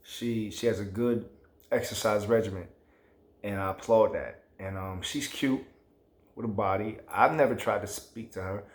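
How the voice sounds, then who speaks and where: A man's voice: lowish voice, moderate pace. Man ranting casually in an echoey room. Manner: emphatic, rambling, slangy. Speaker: vlogger. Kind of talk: casual opinion rant.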